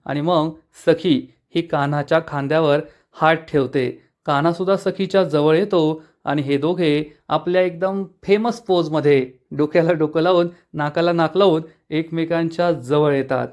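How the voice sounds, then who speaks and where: A man narrating a TV serial episode recap in a lively storytelling manner. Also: fairly high pitch, normal speed, few pauses. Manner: lively storytelling, acting out quotes.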